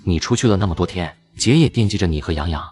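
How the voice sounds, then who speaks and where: A man playing a young uncle, a company boss, who teases a little boy in an animated drama. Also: low-pitched, fast. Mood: teasing. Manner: playful teasing.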